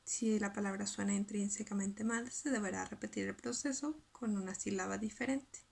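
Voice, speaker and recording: A woman whose first language is Spanish, reading a scripted lesson and sounding out syllables slowly. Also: medium pitch, steady tone, vocal fry, darkish tone. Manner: reads carefully, spells out syllables slowly. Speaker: student presenter.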